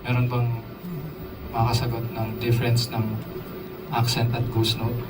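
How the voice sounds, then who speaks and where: Loud music plays behind a drum instructor who speaks a little slowly in a monotone, mid-range voice. During this live workshop he chats informally, asks the audience questions, and drops in English terms. He is far from the mic, with drums in the room.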